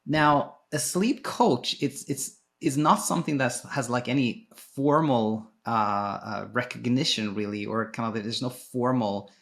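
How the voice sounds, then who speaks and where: Here a Swedish podcast guest, once a sleep physician and now a sleep coach, talks in an unhurried, creaky mid-range voice with a fairly bright tone and few pauses. He responds to interview questions in a relaxed, explanatory manner, rephrasing as he speaks.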